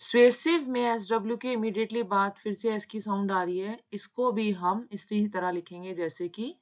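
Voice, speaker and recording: A woman teaches shorthand in a step-by-step tutorial, slowly and patiently breaking words into their sounds and spelling them out. Her voice is mid-range and steady, and the recording sounds dull and lo-fi.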